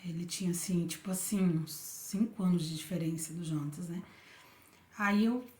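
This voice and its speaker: A woman's voice: on the low side, moderate pace, a little mellow, a little hiss or hum. Brazilian woman telling a story, roomy echo. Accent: Brazilian Portuguese. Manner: conversational, tags many phrases with a questioning "né?". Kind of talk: telling a personal faith story. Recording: roomy echoey room.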